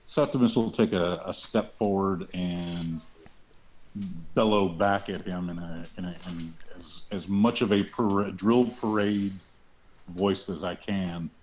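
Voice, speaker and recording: A man's voice: deep voice, fairly even intonation, unhurried, darkish tone, slight background noise, poor audio. A man playing a tabletop game, describing his character's actions.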